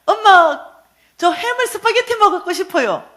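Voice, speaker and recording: A woman's voice: very high-pitched, lively intonation, measured pace, fairly bright tone, pitched above the performer's own voice, exaggerated voice. A woman voicing her stubborn young son, whiny and tearful as he pleads. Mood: pleading.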